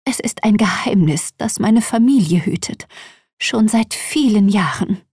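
A woman reading aloud, voicing an older female shop owner who speaks slowly and partly in a whisper. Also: medium pitch, animated, husky, no room sound, clean studio sound, voice pushed up. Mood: guarded. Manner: slow and hushed, partly whispered. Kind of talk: storybook reading.

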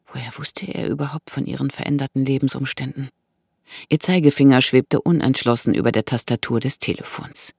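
An audiobook narrator reading a thriller with expressive storytelling. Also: brisk, gravelly, slightly rough, no echo, clean studio sound. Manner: expressive storytelling with lively pitch.

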